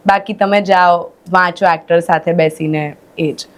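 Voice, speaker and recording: A woman's voice: lowish voice, measured pace. A young woman with a Gujarati accent, an actress talking as a podcast guest and telling stories animatedly in casual interview chat. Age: young adult. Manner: animated storytelling, acts out quoted shouts, mixes English in.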